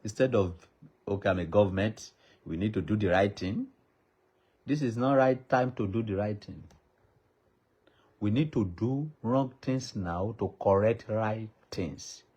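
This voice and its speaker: Warm and husky, with a fairly low pitch and a slightly slow pace, this voice belongs to a Nigerian traditional ruler speaking to the public. A native Yoruba speaker with a Yoruba accent, he makes an impassioned plea in a repetitive, preacher-like cadence.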